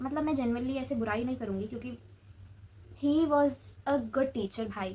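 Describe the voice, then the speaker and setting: A woman's voice: fairly high pitch, a little mellow, a little hiss or hum. A teenage girl vlogging casually, telling a long school story in a chatty way while applying a face pack.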